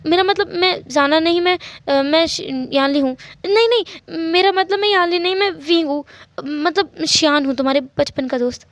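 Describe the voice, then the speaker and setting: Woman voicing a flustered young guy, stammering, repeating words, high-voiced, bluster, dry close sound, storybook reading. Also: moderate pace, no echo. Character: flustered, chattering young man, quick to bluster.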